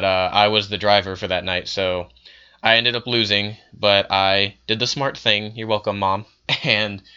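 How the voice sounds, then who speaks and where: Young man, casual storyteller, smooth and crisp, lo-fi sound. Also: lowish voice, bright, forceful tone. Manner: rambling, with frequent fillers and restarts.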